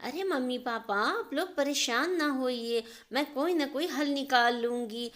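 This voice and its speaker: Woman playing a calm, clever young daughter-in-law. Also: high voice, a little slow. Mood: calm assured. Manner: composed, reassuring.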